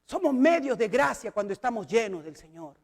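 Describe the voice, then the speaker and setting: A woman's voice: fairly high pitch, big pitch swings, fairly quick, big-room sound. A woman with a Peruvian Spanish accent preaching a sermon, telling a personal testimony to her congregation in an earnest way. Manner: earnest, storytelling, addresses the congregation as brothers. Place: church hall.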